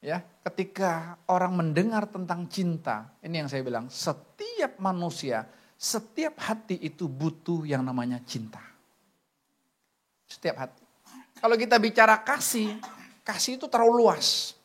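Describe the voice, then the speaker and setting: A man preaching as a pastor in a church, telling stories with lively acted-out dialogue. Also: sits high, unhurried. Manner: lively storytelling, acts out dialogue. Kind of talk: sermon.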